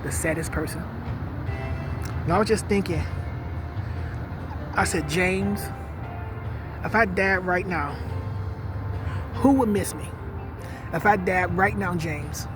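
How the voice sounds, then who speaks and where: Fifties guy talking to camera outside, kinda high voice, sad and earnest, music under it. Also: slow, pauses often. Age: 50s. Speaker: vlogger. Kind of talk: personal reflective monologue.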